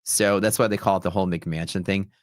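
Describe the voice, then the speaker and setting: This livestream host from Texas, who trades futures, chats casually and spins slangy, meandering stories. He talks fast in a low register, his intonation fairly even. The recording has studio quality and no echo.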